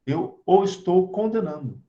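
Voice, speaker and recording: A man's voice: high voice, lively intonation, a little slow, dark tone. A man giving a conversational spiritual talk, asking his audience rhetorical questions. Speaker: spiritual lecturer. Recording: dull lo-fi recording.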